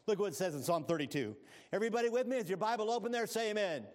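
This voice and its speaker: High, lively-voiced man preaching a sermon. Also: racing. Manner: animated, swings from hushed asides to loud exclamations; calls on the congregation to respond.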